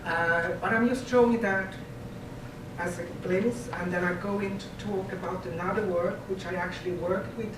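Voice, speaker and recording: A middle-aged man with a Swedish accent and a voice weakened by a cold, giving a halting, informal artist's talk in non-native English. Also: steady tone. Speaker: visual artist giving a presentation. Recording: echoey distant mic, loud rumbling noise.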